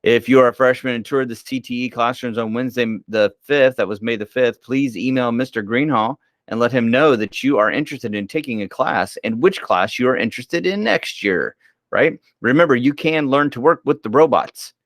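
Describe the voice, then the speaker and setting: A man's voice: medium pitch, normal speed, fairly bright tone, no room sound, studio quality. A man hosting casual school homeroom news, chatty and joking, sleepy and yawning as he reads announcements.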